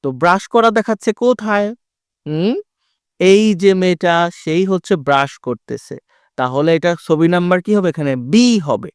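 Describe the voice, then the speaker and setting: A male teacher with a Bangladeshi accent giving an online English class. He reads rhyme lines slowly and explains each one in turn. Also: high-pitched, clean tone, no echo, studio quality. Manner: explains each rhyme line in slow English, then translates.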